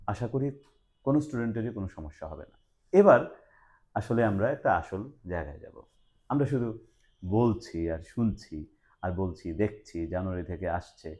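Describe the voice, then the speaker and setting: A man with a Bangladeshi Bengali accent, hosting a promotional interview for a language institute as a TOEFL instructor. He talks in a relaxed mix of Bengali and English, with frequent "ah" fillers. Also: on the low side.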